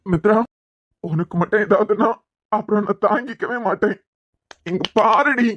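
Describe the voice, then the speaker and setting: A woman's voice: mid-range voice, moderate pace, no room sound, highs cut off, lightly acted. A woman voicing a worried young man in a cartoon series, pleading and tender, with a Kanyakumari Tamil accent. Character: anxious young man tending a fainted girl. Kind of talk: cartoon web series voice acting.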